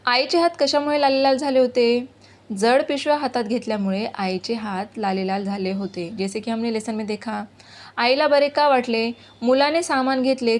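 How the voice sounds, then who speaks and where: A woman teacher, patiently explaining a school lesson to children, reading words aloud and asking questions. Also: fairly high pitch.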